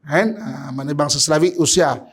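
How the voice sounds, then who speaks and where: High-voiced Malaysian preacher. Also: male voice, normal speed, husky. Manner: rhetorical, keeps asking "kan?"; swings from low asides to raised, near-shouted points. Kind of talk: mosque lecture.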